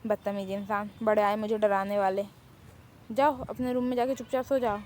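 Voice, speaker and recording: A woman's voice: mid-range voice, flat delivery, moderate pace, darkish tone, slight background noise, natural voice. A woman voicing a stern, grumpy young man who scolds and speaks curtly. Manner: curt, scolding.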